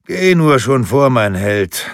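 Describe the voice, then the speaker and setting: A man's voice: mid-range voice, very animated, takes it slowly, dry recording, studio quality, pitched above the performer's own voice. A man voicing a mild, fond old grandfather in an audiobook. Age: older. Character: gentle doting old grandfather.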